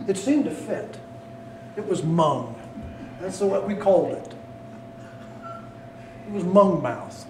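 A male pastor preaching a sermon, animated and swinging between loud calls and hushed asides, recorded in a church sanctuary. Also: sits high, slow, long pauses, a little hiss or hum. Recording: echoey room, mic at a distance.

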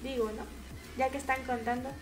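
Fairly quick and level in tone, a young woman with a Mexican accent streams her gaming with casual, chatty commentary, interrupted at times by shrill, shrieking outbursts. Faint music sits behind her.

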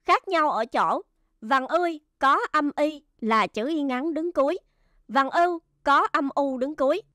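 A woman teacher giving a first-grade reading lesson, spelling out syllables slowly and clearly. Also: high voice, sharp tone, no echo, clean studio sound. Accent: Vietnamese.

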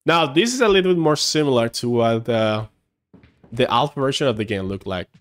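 A man in his thirties, medium-pitched, animated, brisk, and a bit bright, provides live commentary while streaming a horror game. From his home room and through a headset mic, he jokes and laughs at himself as game music plays.

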